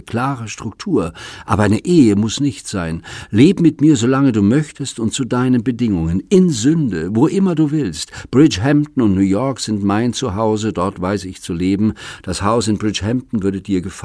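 Guy reading lonely chatty old man in his late seventies pleading his case, deep husky voice, dry audiobook sound. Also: dark tone, no echo. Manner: earnest, long-winded pleading.

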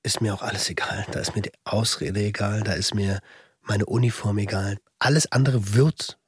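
Husky, low-voiced man telling blunt stories. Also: normal speed, no echo, clean studio sound. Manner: blunt, slangy, acts out quotes in short bursts. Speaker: guest telling his story, former army instructor. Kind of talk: casual anecdotal storytelling in conversation.

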